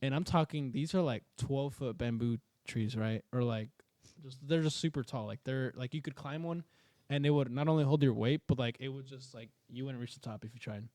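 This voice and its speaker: A man's voice: mid-range voice, brisk, a little mellow, dry recording. A young man casually telling a spooky story to friends on a podcast, rambling with many fillers and restarts.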